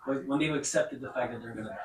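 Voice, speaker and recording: A man's voice: medium pitch, fast, far from the mic. A man asking conversational interview questions. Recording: roomy, off-mic, clearly noisy.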